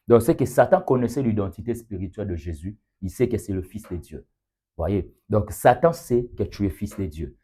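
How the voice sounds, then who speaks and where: A man preaching a sermon with emphatic rising bursts, quiet asides and occasional Lingala phrases. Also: sits low, breathy edge.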